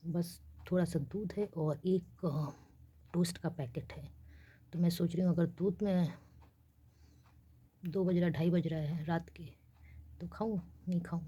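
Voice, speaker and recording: Young woman, from India, late-night vlog chat, soft and hushed, mellow dark voice, a bit husky, fairly low pitch. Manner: talks softly so as not to wake neighbours. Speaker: vlogger. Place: small rented room in a girls' hostel, at night.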